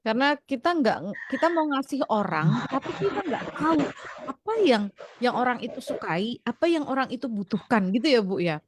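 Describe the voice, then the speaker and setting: A woman's voice: a little high, big pitch swings, normal speed, slight background noise. A woman hosting a radio talk show, affirming and summarizing her guest's points. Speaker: radio host. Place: radio studio.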